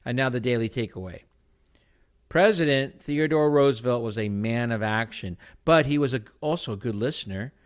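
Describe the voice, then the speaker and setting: A man records a motivational leadership lesson in his kitchen, talking straight into his computer's microphone. His delivery is folksy and emphatic, with punchy, rising exhortations and then quiet, confiding asides. His voice sits at an ordinary middle pitch for a man. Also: normal speed, clean tone. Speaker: leadership talk host; music teacher. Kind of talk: motivational book talk. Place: home kitchen.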